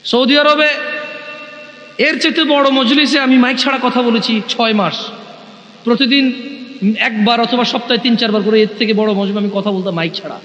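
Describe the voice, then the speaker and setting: A man preaching a sermon at a large gathering, loud and restless, speaking through a microphone. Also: very high voice, fairly even intonation, moderate pace, long pauses, dull audio. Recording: echoey hall with long reverb.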